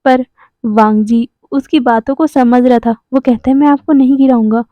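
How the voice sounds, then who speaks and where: A woman narrates fan fiction in a chatty tone and stops now and then to explain. Her voice is high, and the recording sounds dull and dry, with no room in it. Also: steady tone, normal speed, dry recording. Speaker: storyteller.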